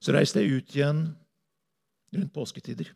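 A man's voice: fairly high pitch, animated, creaky, darkish tone. A man who is a missionary preacher, telling earnest stories in a sermon to a congregation. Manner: earnest storytelling, speaking to a congregation. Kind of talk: sermon testimony.

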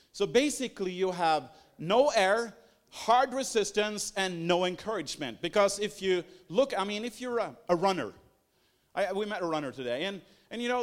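A man giving a sermon-style teaching, talking in an emphatic, rhetorical way with lots of repetition. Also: high-pitched. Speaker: preacher.

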